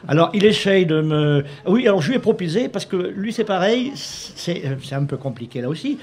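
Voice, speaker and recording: A man's voice: high voice, sing-song, normal speed, darkish tone, breathy edge. A man serving as a mayor guest on a talk show, speaking politely and hesitantly, often laughing. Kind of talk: casual on-air interview.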